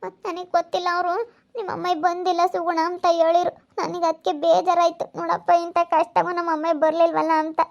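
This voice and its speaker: A woman's voice: extremely high pitch, completely flat delivery, a little fast, gravelly, lo-fi sound. A woman acting in a village family drama, speaking in a hurt, reproachful way.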